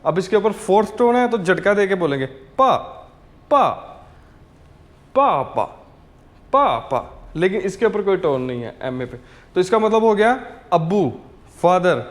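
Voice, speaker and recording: A man's voice: sits high, expressive, fairly quick. A man teaching a beginner language lesson, patiently repeating each word over and over. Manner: patient, drills words over and over. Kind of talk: slow repetitive language lesson.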